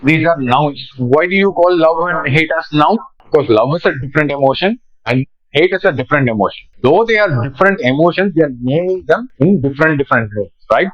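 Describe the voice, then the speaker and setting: A man's voice: a little high, expressive, brisk, dry recording, highs cut off. A young man with an Indian English accent teaching a grammar class, talking conversationally and asking questions that he answers himself. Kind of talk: classroom lecture.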